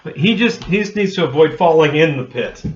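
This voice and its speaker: A man's voice: a little high, expressive, brisk, echoey room. A man running a tabletop game as game master, explaining rules and teasing the players. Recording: dull lo-fi recording.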